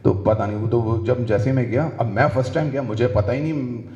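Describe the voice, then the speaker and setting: A man's voice: medium pitch, mellow, lo-fi sound. Brief: male stand-up comic, Pakistani Urdu accent, crude storytelling, roomy hall reverb. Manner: crude, acts out dialogue in quick voices. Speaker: stand-up comedian. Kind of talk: stand-up comedy set. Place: live comedy venue.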